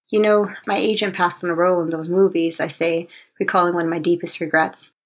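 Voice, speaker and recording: Female audiobook narrator, low and slightly husky, steady and measured. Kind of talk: scripted first-person narration.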